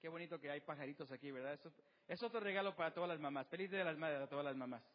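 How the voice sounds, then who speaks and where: A male pastor preaching a sermon outdoors, often asking the congregation questions and slowing down to stress key words. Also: fairly high pitch. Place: outdoor service with birds nearby. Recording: dull sound with long reverb.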